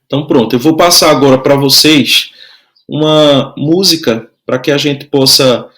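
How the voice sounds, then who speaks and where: A man's voice: mid-range voice, normal speed, a bit bright. A man teaching a grammar lesson, explaining patiently and checking in often with his students.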